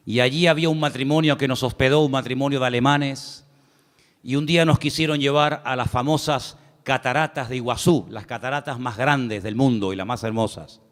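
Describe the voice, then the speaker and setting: A middle-aged man preaches to his congregation, calling them brother and asking for amens. His voice sits high for a man, and a long hall reverb trails after his words. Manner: storytelling preacher who addresses listeners as brother and swings his pitch widely. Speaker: pastor. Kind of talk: sermon.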